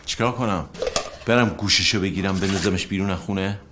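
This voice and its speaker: A man's voice: sits low, noisy background, lightly acted. An actor playing a weary, long-suffering middle-aged father in a film drama, grumbling over old grievances.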